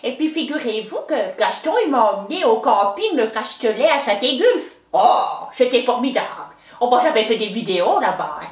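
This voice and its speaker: Very animated and a little high, at a moderate pace, a woman plays the interviewee in a comic character interview. Her character is a chatty, boastful older countrywoman with a Franc-Comtois (Haut-Doubs) accent who rambles folksily, peppering talk with "hein" and "oh ben"; the sound is roomy, dull and lo-fi.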